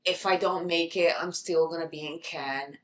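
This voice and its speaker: A woman from Italy with an Italian accent, a guest telling lively stories and acting out what people said, laughing often. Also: fairly low pitch, normal speed. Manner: animated, acts out quoted dialogue, laughs often. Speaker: guest, actress and model. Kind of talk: casual interview storytelling. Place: podcast studio. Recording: roomy echo.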